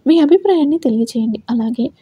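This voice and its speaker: Husky-voiced woman storyteller. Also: high voice, lively intonation, quick pace, dark tone, no echo, lo-fi sound. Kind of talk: scripted narration.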